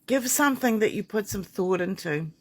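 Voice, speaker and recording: A woman's voice: mid-range voice, animated, normal speed. A middle-aged woman midwife talking to camera in a heartfelt, chatty way, rambling with fillers and restarts. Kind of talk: heartfelt casual talk to camera.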